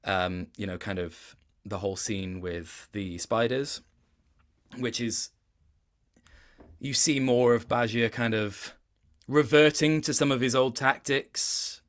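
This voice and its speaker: Speaking slowly in a mid-range voice, a man who voice-acts explains his craft as an interview guest. His reflections come out in stop-start phrases.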